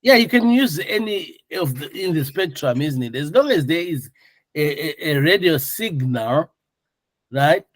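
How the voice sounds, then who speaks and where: A male instructor with a slightly high voice gives an informal, explanatory lecture, repeatedly asking his students questions to make sure they follow. The recording is fairly dry.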